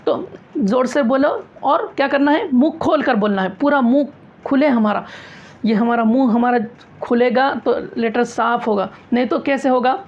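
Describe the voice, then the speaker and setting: A woman's voice: fairly high pitch, moderate pace. Dull-sounding woman drilling a recitation class. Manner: repetitive, drilling, asks and answers own questions. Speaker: Quran recitation teacher. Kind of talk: classroom tajweed lesson.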